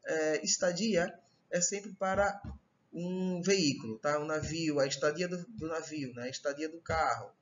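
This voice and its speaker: A man with a high-side voice and a Brazilian accent teaches a recorded online Portuguese grammar lesson at an unhurried pace, explaining step by step. He often checks in with students using "tá?" and "certo?", and the lo-fi audio has a little hiss or hum.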